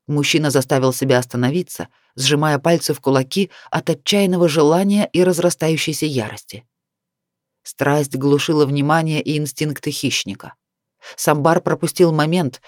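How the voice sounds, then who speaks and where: Brief: even-paced audiobook reader, mid-pitched, close and dry. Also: no echo. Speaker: audiobook narrator. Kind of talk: scripted audiobook narration.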